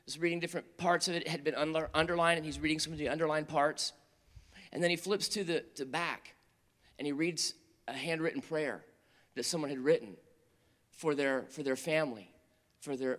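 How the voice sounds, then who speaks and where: Youth pastor guy, kinda high voice, earnest sermon storytelling, big reverby hall. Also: a bit bright. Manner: earnest storytelling, building and dropping intensity. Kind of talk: sermon to teenagers.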